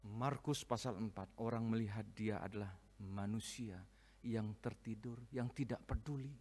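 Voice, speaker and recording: A man preaching a sermon, swinging from soft asides to loud, emphatic reading of scripture. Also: fairly low pitch, fairly even intonation, normal speed. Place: church hall, live-streamed service. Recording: long reverb of a church hall.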